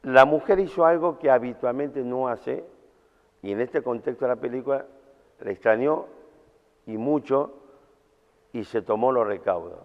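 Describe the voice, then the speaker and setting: A man's voice: mid-range voice, normal speed, long pauses. A man with a Rioplatense accent preaching a camp sermon in a colloquial, storytelling way. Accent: Rioplatense Spanish. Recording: tinny sound in a reverberant hall.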